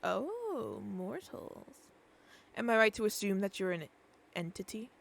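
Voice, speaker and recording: A woman's voice: medium pitch, very animated, measured pace, vocal fry. A woman streamer speaking in character during game role-play, hesitant and searching for words as she goes. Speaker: streamer playing a shopkeeper character.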